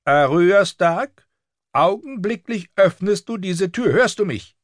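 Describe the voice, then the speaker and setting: A man's voice: on the high side, lively intonation, unhurried, no room sound, studio quality, voice pushed up. A man doing a stern, scolding governess. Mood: furious. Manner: scolding, commanding. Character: stern strict older woman governess.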